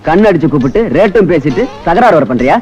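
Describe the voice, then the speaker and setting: An actor playing a rowdy young street thug in a 1980s film, talking in a brash, bullying way over a film score. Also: male voice, fairly high pitch, expressive, fast, music in the background, close to an everyday voice. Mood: leering. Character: rowdy young street thugs harassing a flower girl.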